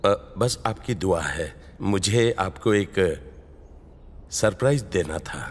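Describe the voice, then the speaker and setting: A man's voice: low-pitched, expressive, slow, exaggerated voice. A man playing a humble, respectful father who made good and asks a favor in a film drama. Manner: deferential, soft-spoken.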